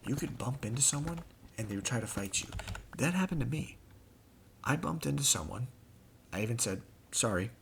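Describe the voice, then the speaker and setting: A man's voice: on the low side, creaky. A young man hosting a gaming channel, telling a rambling, exasperated story in casual talk while he plays. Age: young adult. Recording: noisy, keyboard clicks behind.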